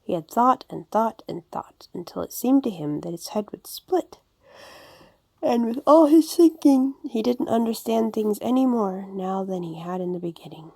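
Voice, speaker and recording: A woman reading a children's storybook aloud in a gentle, expressive way. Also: mid-range voice, moderate pace, vocal fry, no echo. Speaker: audiobook reader.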